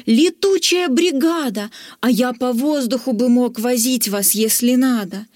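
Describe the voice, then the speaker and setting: A woman's voice: very high-pitched, unhurried, dry recording, voice pushed up. Woman voicing eager young dragon schoolboy, storybook, delighted exclamations, dry close sound. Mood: excited. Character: young male dragon student, cheerful and eager.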